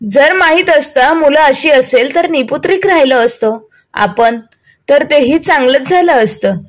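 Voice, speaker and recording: A woman voicing an elderly retired father who shouts in bitter hurt at his sons. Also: sits high, animated, a little slow. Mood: grieving.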